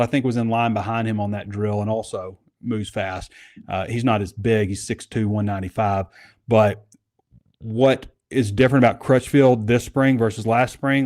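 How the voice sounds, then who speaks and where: Man, sports podcast host, casual rambling chat, lowish voice. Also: a little mellow. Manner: rambling, conversational.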